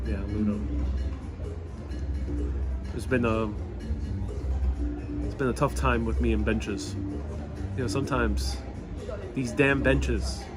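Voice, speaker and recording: A man's voice: medium pitch, steady tone, slow, pauses often. A man born in Puerto Rico and raised in New York, a travel vlogger chatting casually on a live stream as he reads out viewer comments and riffs on them. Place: outdoors in a European old town. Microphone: wireless clip-on mic. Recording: clear salsa music behind the voice. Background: salsa music playing nearby.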